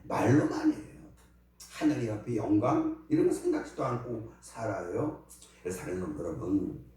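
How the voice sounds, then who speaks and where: A man's voice: mid-range voice, warm tone. A male pastor preaching a sermon with emphatic delivery, acting out imagined voices of others, and closing in prayer. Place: church sanctuary. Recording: very echoey church hall, mic at a distance.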